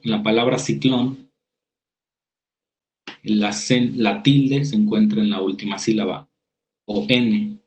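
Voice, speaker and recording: A man with a fairly low voice and a Mexican Spanish accent gives a spoken lesson on spelling rules. He reads definitions out, then explains them with worked examples in a steady teaching manner, often restarting a phrase as he goes. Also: rough recording. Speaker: writing workshop instructor. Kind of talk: spoken lecture over slides.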